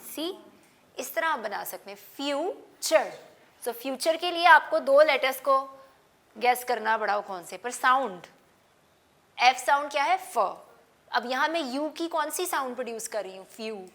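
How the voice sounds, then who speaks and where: Lady teacher sounding out phonics, switching between urdu and english, slightly high voice. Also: animated, moderate pace, a bit bright. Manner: spells words out letter by letter, sounding out phonics; mixes Hindi-Urdu with English phrases. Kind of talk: classroom phonics lesson.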